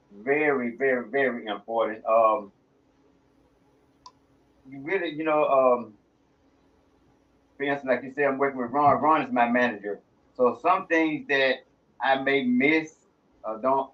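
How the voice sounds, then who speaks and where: A male music artist answering interview questions earnestly, with many pauses and fillers. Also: mid-range voice, lo-fi sound.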